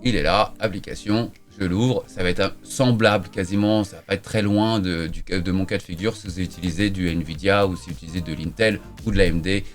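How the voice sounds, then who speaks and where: A man's voice: low-pitched, fairly even intonation, fairly quick, few pauses, faint music behind. A man giving a casual screen-recorded tech tutorial, chatty and emphatic, with frequent filler words like "voilà" and "donc". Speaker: tech youtuber.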